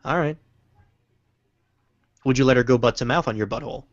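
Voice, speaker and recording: A man's voice: medium pitch, a little fast, no echo, lo-fi sound. A man co-hosting a casual livestream, reading out questions and teasing his partner with dry remarks. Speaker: co-host asking questions.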